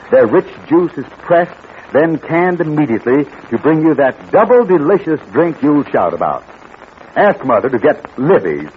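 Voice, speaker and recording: A tinny, faintly noisy old radio show recording features an American male announcer. He sounds enthusiastic and folksy, with animated swings of pitch as he sells to young listeners.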